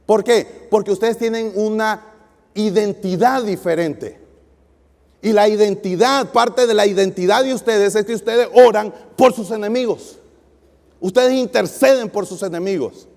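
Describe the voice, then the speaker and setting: Man, pastor, sermon, high voice, asks the congregation questions, echoing hall. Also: unhurried. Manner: lively preaching with questions to the audience. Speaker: guest pastor. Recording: long hall reverb.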